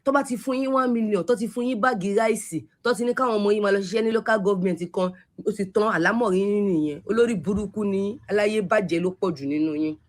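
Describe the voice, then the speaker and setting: A Yoruba-speaking woman with a Yoruba accent scolds at length in an angry social media rant, switching between Yoruba and English. Her voice is mid-range and very fast, with few pauses.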